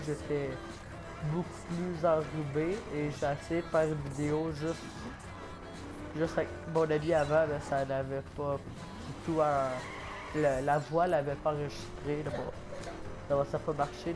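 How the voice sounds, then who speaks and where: Game music sounds clearly beneath a Québécois French-accented YouTuber who narrates gameplay casually with a head cold, his voice slightly high and flat. Stuffy and coughing, he stumbles through fillers and restarts, and the audio quality is poor.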